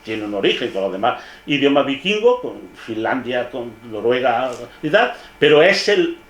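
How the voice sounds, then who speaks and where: A man's voice: mid-range voice, very animated, fairly bright tone, echoey room. An older man from Spain, a painter, tells stories about his book in a casual, digressive way, often restarting his sentences. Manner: digressive, halting, with frequent restarts and asides. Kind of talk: casual storytelling talk. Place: public library hall.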